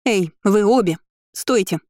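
A woman's voice: medium pitch, fairly quick, no room sound, clean studio sound, close to an everyday voice. A woman voicing a haughty, furious young aristocratic woman who spits threats. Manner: spiteful, shouting threats.

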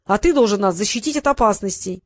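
A woman's voice: mid-range voice, lively intonation, quick pace, close to an everyday voice. Woman voicing a stubborn young wizard. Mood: indignant. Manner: firm, indignant, insistent. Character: stubborn, clever young male wizard apprentice.

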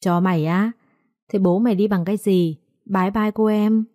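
A woman's voice: medium pitch, steady tone, normal speed, mellow, no room sound, studio quality, lightly acted. A woman reading aloud, voicing a crude, threatening male debt-collector thug. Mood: mocking. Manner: vulgar, taunting, threatening.

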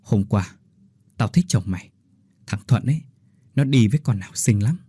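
A man's voice: lowish voice, expressive, moderate pace, warm tone, husky, dry recording. A man voicing a nosy, gossiping woman neighbor at the market who insists on being heard. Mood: gossipy.

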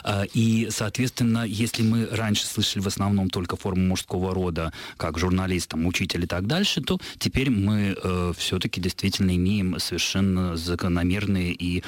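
A man with a very low voice answers a listener's question in calm, measured explanations, pausing now and then to think. The recording is close and dry. He sounds like a studio guest on a talk show. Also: dry recording. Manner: measured, explanatory, hesitant fillers. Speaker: language expert co-guest.

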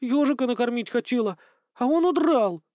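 A man voicing a fearful young woman who whines and pleads in a high voice. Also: very animated, fairly quick, darkish tone, no echo, clean studio sound. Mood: tearful.

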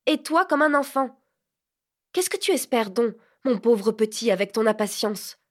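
A woman reading an audiobook, voicing a fifteen-year-old girl who answers with bright, mocking retorts. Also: on the high side, measured pace. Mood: teasing, wistful.

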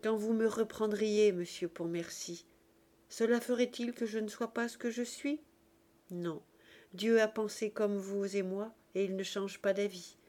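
A woman reading the part of a dying old man, gentle and resigned, speaking softly and slowly. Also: mid-range voice, steady tone, natural voice. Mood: tender, resigned. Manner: soft, hushed, slow.

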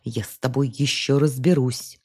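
A woman's voice: rumbling low, steady tone, normal speed, a little mellow, breathy edge, heavily acted. A woman voicing a nervous young husband who dodges questions in an audiobook story. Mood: defensive. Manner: evasive, later hissing threats.

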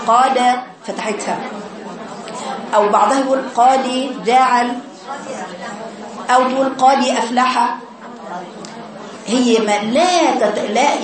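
A woman with an Egyptian accent teaching tajweed to girls, slowly repeating sounds to demonstrate and correcting mistakes. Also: fairly high pitch, roomy sound, rough recording. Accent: Egyptian Arabic. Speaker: Quran recitation teacher.

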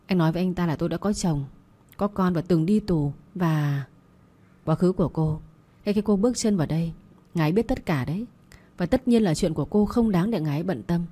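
A woman voicing a stern male servant who carries out his master's threats, speaking coldly and flatly. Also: high voice, fairly quick.

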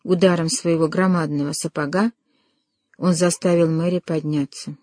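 A woman with a low, dark, mellow voice reads a novel aloud in a measured, dramatic way. The recording is dry and close, made at a studio mic. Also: steady tone, dry recording. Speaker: audiobook narrator. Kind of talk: scripted literary narration.

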